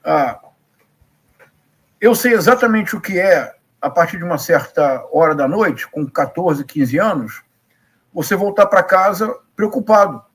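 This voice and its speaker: A man's voice: sits high, animated, measured pace, slightly rough. A middle-aged man with a Rio de Janeiro Brazilian accent gives live political commentary in an emphatic, didactic way, leaning on repetition and rhetorical questions. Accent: Rio de Janeiro Brazilian Portuguese.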